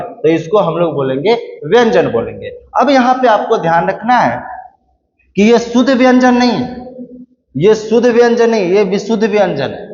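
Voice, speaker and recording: A male teacher giving a grammar lesson, who repeats each point and asks the class questions before he answers them. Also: high voice. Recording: echoey room, dull lo-fi sound.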